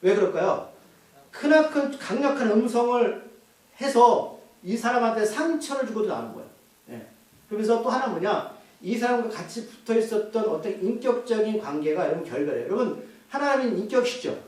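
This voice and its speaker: A man's voice: high voice, very animated, brisk, a little mellow. A male pastor preaching a sermon, asking the congregation questions and answering them himself. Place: church. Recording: echoey church hall from far off.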